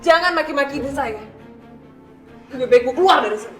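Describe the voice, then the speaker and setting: A woman dubbing a defiant young daughter in a TV drama, quick and indignant. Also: sits high, lively intonation, fairly bright tone, reverberant, faint music behind. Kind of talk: dubbed TV drama.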